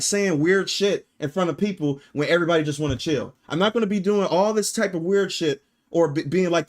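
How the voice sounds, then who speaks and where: A man streaming live, talking bluntly and emphatically to his chat, peppering his points with profanity and rhetorical "right?" tags. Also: sits high. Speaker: streamer reacting and reading chat. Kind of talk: casual livestream rant.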